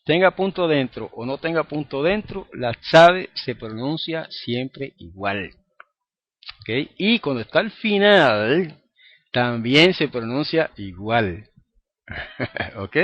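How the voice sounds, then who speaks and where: A man's voice: mid-range voice, lively intonation, slow pace. A man teaching a recorded lesson, explaining patiently and often checking in with the listener. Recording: dry, dull lo-fi recording.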